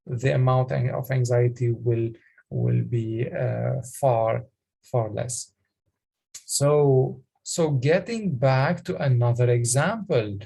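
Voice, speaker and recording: A man coaching public speaking on a video call, talking haltingly with many fillers and restarts. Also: medium pitch, gravelly, warm tone, slightly rough. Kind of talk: online coaching session.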